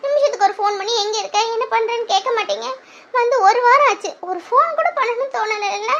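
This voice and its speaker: A woman's voice: very high-pitched, fast talker, a bit bright, dull audio, slight background noise. A woman voicing a hurt young wife who sulks and reproaches her husband, laughing through her complaints. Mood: reproachful. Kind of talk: Tamil audio drama.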